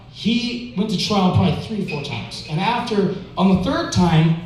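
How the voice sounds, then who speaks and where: A man doing amateur stand-up at an open mic, casual, profane and slangy, with hesitant, stammered repeats. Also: high voice. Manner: hesitant, with stammered repeats and filler-laden stalling. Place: indoor open mic venue. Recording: very echoey room, distant mic.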